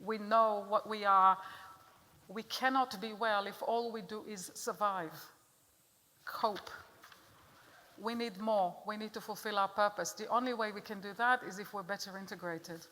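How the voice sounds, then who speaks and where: Delivering a talk, this middle-aged woman from Israel uses a medium-pitched, bright, forceful voice and speaks a little slowly, with an Israeli accent. She addresses her audience earnestly and directly, asking them questions, while a long hall reverb trails her words.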